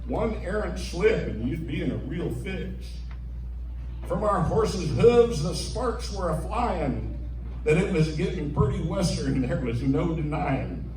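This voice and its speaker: A man's voice: on the high side, lively intonation, slow pace. A man with an American cowboy twang recites rhymed cowboy poetry in a folksy storytelling drawl with rustic grammar. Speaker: cowboy poet. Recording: echoey, distant mic, noisy room.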